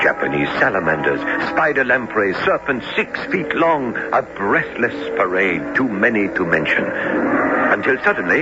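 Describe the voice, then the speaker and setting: An actor playing a learned, courteous gentleman professor in a radio drama, speaking and narrating in a formal, earnest, wondering way. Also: deep voice, full character voice. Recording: muffled old radio drama with loud music.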